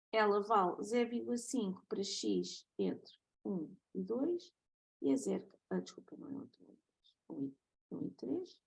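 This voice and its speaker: Husky, creaky-voiced woman lecturer. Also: medium pitch, a little mellow, rough recording. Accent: European Portuguese. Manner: methodical, checks in with "ok?" often. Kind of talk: recorded math lecture.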